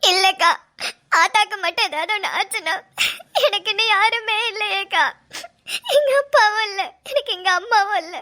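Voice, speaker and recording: A woman's voice: extremely high pitch, sharp tone. A woman voicing a frightened, devoted young granddaughter in a cartoon, pleading and tearful. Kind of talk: cartoon voice acting.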